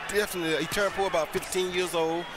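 A man's voice: high-pitched, level tone, fast. A man giving live boxing analysis from ringside in an emphatic, conversational way. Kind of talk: live color commentary. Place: ringside in large indoor arena. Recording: loud crowd and arena noise. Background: roaring crowd.

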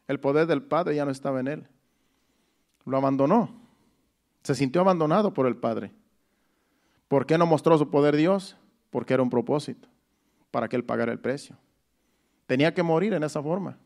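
A male preacher giving a Sunday sermon in a somewhat high voice. He works slowly through the scripture, restating each verse in everyday words. He circles back often, repeating his phrases for emphasis. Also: darkish tone. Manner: deliberate, explanatory preaching.

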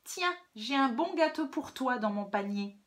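A woman voicing a rude, bratty little girl in a children's storybook, shouting insults insolently. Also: high-pitched, expressive, unhurried.

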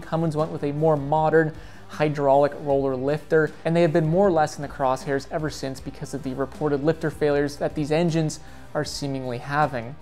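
A man in his thirties, a diesel mechanic, talking energetically in a vlog from a truck repair shop. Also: fairly high pitch. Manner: energetic, emphatic, talks with his hands. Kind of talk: explanatory vlog talk.

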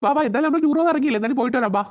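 A woman voicing a worried middle-aged cartoon father who scolds gently and talks in a rush. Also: high voice, racing, muffled recording, slight background noise, natural voice. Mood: gentle scolding.

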